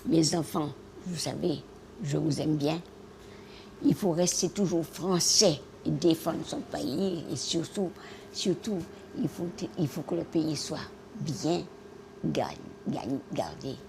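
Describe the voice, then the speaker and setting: A woman's voice: deep voice, dark tone, slight background noise. A 100-year-old woman from Guiana, recalling the war in an interview. She stammers and repeats herself, then drives her points home with emphatic exclamations. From French Guiana. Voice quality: gravelly. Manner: halting and repetitive, stammering over words; emphatic, with sound effects and defiant exclamations. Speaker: interviewee, war veteran and retired teacher. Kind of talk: spoken war memories in an interview.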